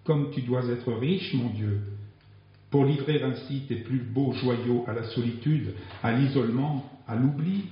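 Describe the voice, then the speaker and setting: A man reading a religious memoir aloud in a reflective, prayerful, measured way. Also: medium pitch. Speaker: narrator. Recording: very echoey, dull lo-fi sound.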